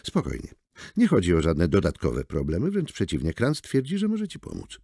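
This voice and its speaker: Brief: sardonic woman lawyer, raised lively gravelly voice, read by a man. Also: sits low, moderate pace, dry recording, clean studio sound, heavily acted. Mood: brusque. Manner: brusque, mocking. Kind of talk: audiobook character voice.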